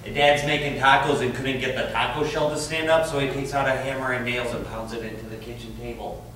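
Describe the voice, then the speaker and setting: An actor playing a crude, nosy, loudmouthed man on a park bench, rambling bluntly and vulgarly in a stage play. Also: mid-range voice, steady tone, a little fast, close to an everyday voice. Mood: prying. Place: stage performance. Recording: echoey, distant, faint hiss.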